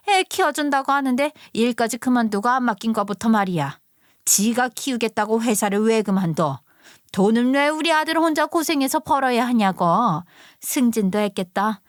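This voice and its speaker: A woman's voice: fairly high pitch, dry recording, studio quality, close to an everyday voice. A woman doing a domineering older mother-in-law. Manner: scolding, bossy and scornful.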